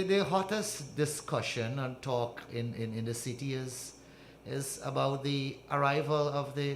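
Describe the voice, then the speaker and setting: Halting Guyanese man in a radio studio. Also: medium pitch, a little hiss or hum. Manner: halting, repeats words, grows loud and proud. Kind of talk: casual radio talk. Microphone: studio mic with headphones.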